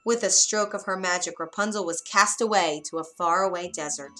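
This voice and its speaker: A woman narrating a fairy tale aloud in a clear, measured storybook reading. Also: on the low side, fairly bright tone, soft background music.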